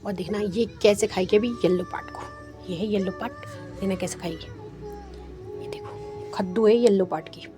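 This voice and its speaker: A woman's voice: medium pitch, moderate pace, long pauses, over music. A young woman chatting casually in a home vlog, teasing and talking straight to her viewers. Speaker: vlogger.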